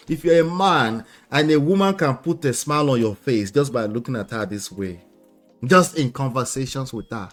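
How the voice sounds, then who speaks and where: A man hosts a live stream and reacts to clips. He talks in an animated way, fires off rhetorical questions and laughs often, and a faint bed of music plays underneath. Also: mid-range voice. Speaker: host.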